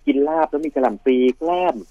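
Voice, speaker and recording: Fast-talking doctor on a phone line. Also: male voice, medium pitch, warm tone. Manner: reassuring, explanatory, joking. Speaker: doctor guest. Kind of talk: radio health call-in answers.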